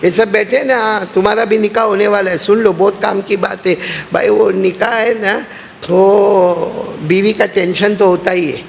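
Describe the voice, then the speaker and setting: Middle-aged guy joking around with the crowd, high gravelly voice, big echoey hall. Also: fairly even intonation. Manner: joking, teasing the audience, storytelling. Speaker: religious teacher and speaker. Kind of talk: humorous address at a madrasa gathering. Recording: echoey hall, faint background noise.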